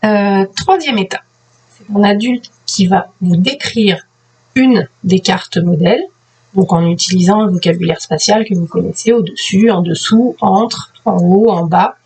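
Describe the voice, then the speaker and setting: A woman teacher with a French accent, calmly explaining class activities step by step for young pupils at home, pausing often to find her words. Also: mid-range voice, slightly rough, poor audio. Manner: patient, explains step by step with frequent hesitations. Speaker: preschool teacher. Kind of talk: instructions for remote class activities.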